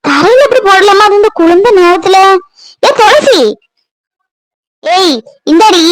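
A woman voicing a sharp-tongued, middle-aged cartoon mother who nags and scolds her daughter. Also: high voice, rough recording. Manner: scolding, nagging with repeated questions. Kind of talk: cartoon voice acting.

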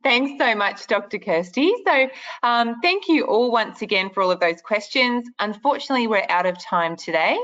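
A woman's voice: a little high, animated, normal speed, fairly bright tone. A woman moderating a webinar, reading questions and closing remarks in a polite, scripted way. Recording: dull lo-fi web call audio.

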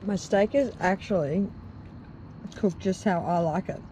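Young Australian woman, relaxed co-host, mid-range voice, noisy outdoor camera audio. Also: medium pitch, measured pace. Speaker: vlogger. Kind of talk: casual camping chat. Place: outdoor beach campsite. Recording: outdoor camera with clear background noise.

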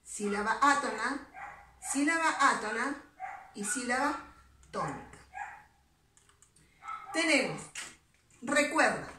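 A woman's voice: a little high, slow, pauses often. A woman teaching a virtual class to children, patiently drawing out the stressed syllables of words. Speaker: primary school teacher. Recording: roomy distant recording with steady background noise.

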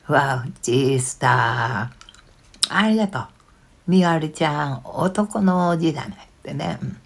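Low gravelly-voiced older woman streamer. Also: slow pace. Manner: chatty, reads comments aloud, frequent soft "un" fillers. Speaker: livestreamer reading viewer comments. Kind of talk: casual live-stream chat.

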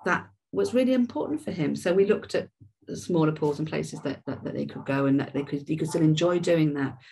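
A woman hosts an informal care webinar as a trainer, speaking conversationally with frequent restarts and repeated words. Her voice is deep and dark, fairly quick, with vocal fry and a breathy edge.

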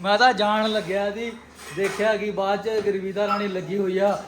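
A man's voice: sits high, little pitch movement, moderate pace, a little hiss or hum. A man with a Punjabi accent hosting a casual home food vlog, exclamatory and fond of repeating catchphrases to his viewers. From Punjab, India. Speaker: vlog host.

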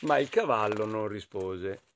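A man with an Italian accent reading a children's picture book aloud, expressive and playful, talking to his listeners. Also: lowish voice, measured pace. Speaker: storyteller.

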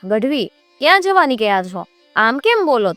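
A hearty village chief from an old folk tale greets his guest loudly, his voice pitched high and strong, as a woman storyteller puts him on. The recording is dry and close, with faint music underneath. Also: very animated, moderate pace, no echo. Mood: welcoming.

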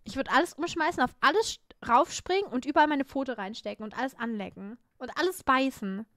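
A woman's voice: high-pitched, brisk, sharp tone, no echo, studio quality. A young woman streaming, chatting casually in a playful, rambling way, nervous and jittery. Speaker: livestreamer.

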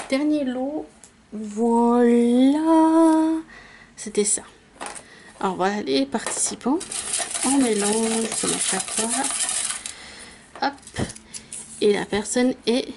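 A woman's voice: on the high side, creaky, noisy background. A woman YouTuber casually announcing giveaway winners, hesitant and full of fillers. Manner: slow, hesitant, many fillers. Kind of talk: casual vlog chat.

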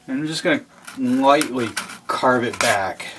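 Man, hobby tutorial, easygoing explaining, mid-pitched voice, slight hiss behind. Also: measured pace. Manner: relaxed, explains step by step, repeats himself. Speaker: model railroad hobbyist demonstrating. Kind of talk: casual how-to narration while working. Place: hobby room at a model train layout.

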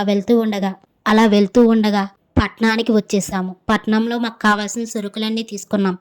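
A woman narrating a village horror story in first person, in a steady storytelling manner. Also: mid-range voice.

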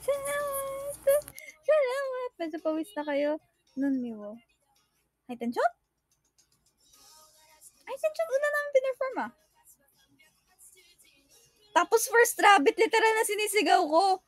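A woman's voice: very high-pitched, very animated, unhurried, long pauses, fairly bright tone, no room sound, faint music behind. A young woman chatting casually with fans on a livestream, giggly and emotional, mixing English into her talk. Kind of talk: casual livestream chat reading fan comments.

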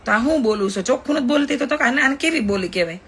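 A woman's voice: high-pitched, expressive, fairly bright tone, husky. A woman in her thirties with a Kathiyawadi Gujarati accent, chatting in a live video and telling a story in an emphatic, talkative way. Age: 30s. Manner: chatty, fast-talking, emphatic. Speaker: social media influencer.

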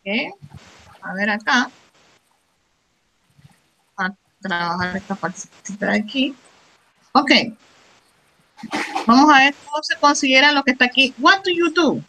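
A middle-aged woman leads an English lesson, her voice bright and a little high. She reads English phrases slowly, then explains them, checking in with the class again and again. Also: low-quality recording. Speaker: English teacher.

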